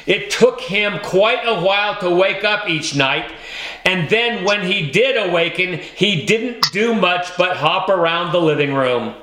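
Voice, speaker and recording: A man's voice: sits high, lively intonation, unhurried, bright, forceful tone, echoey room, rough recording. A man narrating a children's audiobook in the first person, with a wry storytelling manner.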